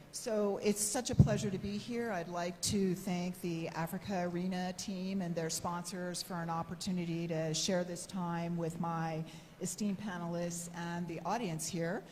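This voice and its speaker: A woman's voice: on the low side, warm tone. A woman speaking as a panelist in a very polite, courteous way, giving a formal introduction at a conference. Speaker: panelist, venture investor. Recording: echoey hall microphone, noisy room.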